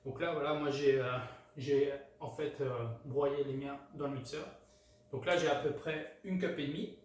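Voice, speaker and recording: A French man, a home cook hosting his own channel, runs a casual cooking tutorial in a medium-pitched voice at normal speed with fairly even intonation. He hesitates a lot, full of fillers and restarts. The room is very echoey, the mic far away, with clear background noise.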